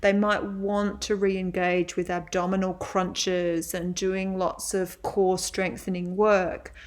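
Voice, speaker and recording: Slow, measured woman lecturing on health. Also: mid-range voice, level tone. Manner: slow, measured explaining with frequent "um" pauses. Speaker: women's health physiotherapist and yoga teacher. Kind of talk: educational webinar lecture.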